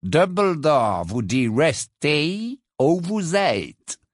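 A man voicing a haughty old male wizard portrait in an audiobook, with a slow, sarcastic, mocking drawl. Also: a little high, sing-song, no echo, clean studio sound, pitched above the performer's own voice, full character voice. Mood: smug. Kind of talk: audiobook character voice.

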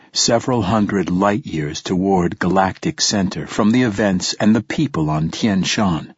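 A man reads an audiobook in a measured, even way, his voice low and husky. The recording is dry with no room sound, and slightly dull in tone. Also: dry recording. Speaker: audiobook narrator. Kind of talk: scripted narration.

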